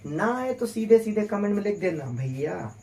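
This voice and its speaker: A man's voice: high voice, expressive, fairly quick, a little mellow, echoey room, recorded from a distance, a little hiss or hum. A man teaching a physics lesson, solving problems step by step on the board and talking in a teasing, chatty way to his pupils. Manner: joking, teasing, chatty, addresses pupils as "beta".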